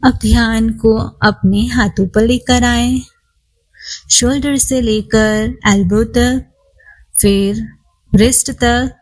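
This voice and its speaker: Guiding a body scan at a very slow pace, a woman speaks in a soothing, calm, fairly high voice. Long, leisurely pauses separate her instructions to relax, and the recording is low in quality.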